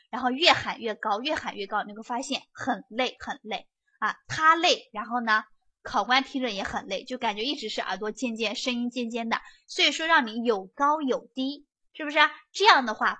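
A woman giving a lively prep lecture, chatty and often checking that students follow along. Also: on the high side. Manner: chatty, keeps asking students to confirm.

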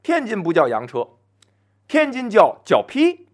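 A man telling a traditional folk story on his own, chatty and full of asides, slowing down to chant opening verse. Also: high voice, huge pitch swings. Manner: chants verse slowly and grandly.

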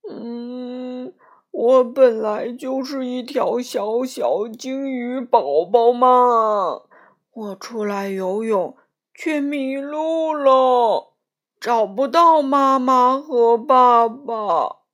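A woman voicing a lost baby whale, a huge and tearful young male creature who speaks slowly and loudly, drawing his words out. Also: mid-range voice. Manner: slow, loud and drawn out.

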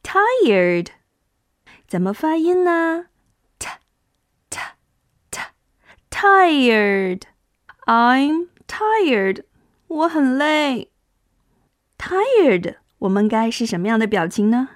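High lively woman teaching small children. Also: no echo, clean studio sound. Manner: coaxing, drawn-out demonstrative phonics. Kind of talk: children's language lesson.

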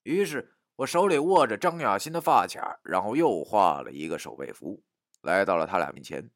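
A man narrating a first-person story, dramatic, dropping to a hush and rising to shouts. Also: lowish voice, normal speed, no room sound, clean studio sound. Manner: animated, dramatic, swings from hushed to shouting.

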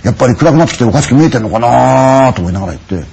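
A man tells a ghost story in a husky, rasping voice at a very fast clip. His pitch swings widely as he punctuates the tale with vivid sound effects and snatches of acted voices. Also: lively intonation, a little mellow. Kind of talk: dramatic ghost story telling.

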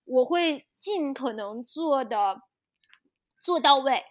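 Podcast co-host: a woman from China, high-pitched and emphatic, recorded dry. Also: animated, slow, no room sound. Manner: emphatic, impassioned. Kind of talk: casual conversation.

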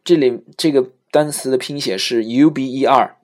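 A man hosts a casual English lesson podcast in an easygoing, unhurried way, with plenty of filler sounds. When he reaches an English word, he slows down and says it carefully. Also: medium pitch. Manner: relaxed, many fillers, slows down to say English words. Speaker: podcast host teaching English words.

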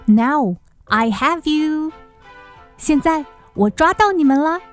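A woman's voice: high voice, lively intonation, slow pace, faint music behind, pitched above the performer's own voice. A woman voicing a young owner calling playfully to a naughty puppy, sing-song, as when reading a storybook to a toddler.

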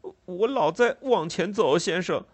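A man voicing a ragged homeless boy who pleads while crying, his voice cracking high and breathless. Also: animated, measured pace, husky, full character voice. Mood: sobbing, desperate.

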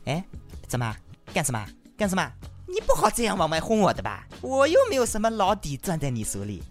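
A woman voicing a teasing foreign gentleman who speaks Mandarin with a Shanghai accent, in a comedy radio sketch, with gleeful, drawn-out sentence endings. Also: on the low side, wildly swooping pitch, soft background music, pitched below the performer's own voice. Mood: smug mocking. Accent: Shanghai-tinged Mandarin.

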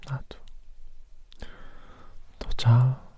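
A man whispering softly and dotingly as a boyfriend in an ASMR roleplay. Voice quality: breathy whisper. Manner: soft, doting, slow murmuring.

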